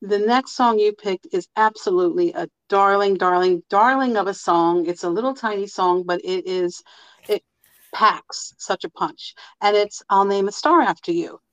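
A woman's voice: mid-range voice, moderate pace, highs cut off. A woman hosting a radio show, chatting casually and playfully with a guest, often breaking into giggles.

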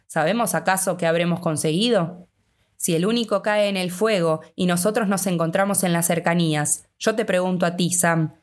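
A woman voicing a weary, gentle young male hobbit who speaks calmly and reassuringly. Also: lowish voice, close to an everyday voice. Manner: calm and reassuring.

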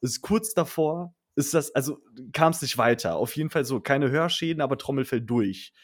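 Young man, lively storyteller, dry close sound. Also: mid-range voice, moderate pace, no echo. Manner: slangy, animated storytelling with acted quotes. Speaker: storyteller in a chat. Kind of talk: casual chat.

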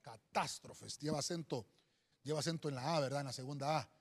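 A male pastor preaching a sermon. He speaks emphatically, often calls listeners "hermano", and pauses to write and spell words on a board. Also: a little high, fairly even intonation. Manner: teaching at a board, writing and spelling words aloud. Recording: long hall reverb.

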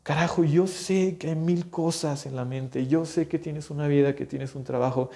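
Young man, physical therapist type, earnest and urgent, speaking straight to the viewer, warm low-key timbre. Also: steady tone, moderate pace, creaky. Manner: earnest, urgent, addresses listener directly. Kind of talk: direct-to-camera health advice.

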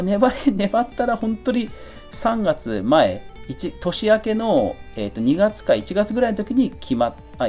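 This middle-aged podcast host has a medium-pitched, warm voice. He talks casually and conversationally on his own, answering a listener letter and taking small jabs at himself.

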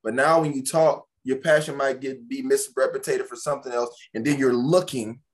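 Mid-pitched man on a podcast, animated and repetitive, keeps restarting lines while giving advice. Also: moderate pace. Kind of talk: casual podcast conversation.

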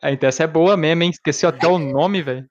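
A man's voice: a little high, very fast, no echo, muffled recording. A young man with a Brazilian Portuguese accent teasing his friends in slangy casual chat.

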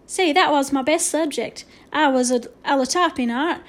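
A woman's voice: high-pitched, moderate pace, lightly acted. A woman voicing a boastful, chatty frontier cowboy man with a folksy drawl. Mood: proud.

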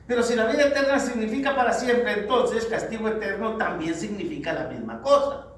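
High-voiced man preaching in an echoey hall. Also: a little fast. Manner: emphatic, swinging from loud exhortation to low grave tones; addresses the congregation as brothers. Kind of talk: sermon. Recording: very echoey hall, distant mic, faint noise.

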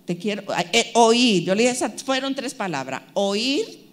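A woman's voice: fairly high pitch, animated, a little slow. Woman preaching an emphatic sermon. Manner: emphatic, repeats phrases, acts out quoted voices.

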